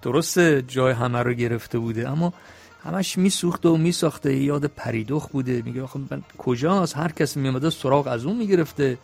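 A man storyteller who recites epic verse slowly and then retells it in plain, chatty speech. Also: mid-range voice, gravelly, darkish tone, soft background music. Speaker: storyteller reading an epic poem.

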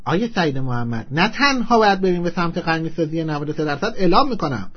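High voiced guy on tv going off, rallying people, muffled old clip sound. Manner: declaiming, rallying calls. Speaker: tv program maker. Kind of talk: impassioned on-air speech. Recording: dull lo-fi clip.

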